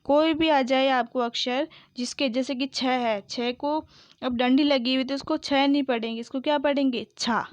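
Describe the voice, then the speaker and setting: A woman teacher reading words aloud slowly one at a time, then explaining each one and quizzing the listener. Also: high voice, fairly even intonation, dry recording. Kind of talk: slow word-by-word reading lesson.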